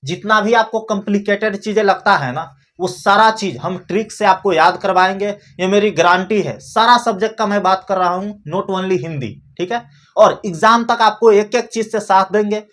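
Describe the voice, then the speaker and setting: A man's voice: high-pitched, normal speed, fairly bright tone. A man teaching an exam-prep lesson in a chatty, coaxing way, repeating each memory trick several times.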